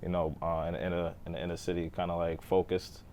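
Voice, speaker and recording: Here a man in his thirties, Texas-born and Boston-raised, storytells casually about growing up as a guest on an interview podcast. His low-pitched, darkish voice is completely flat and fast, filled with fillers and trailing off, with slight background noise behind it.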